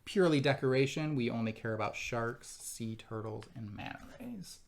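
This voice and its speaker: A man's voice: mid-range voice, lively intonation, normal speed, creaky, over a noisy crowd. A man hosting a board game playthrough, patiently explaining the rules step by step to viewers and his co-player.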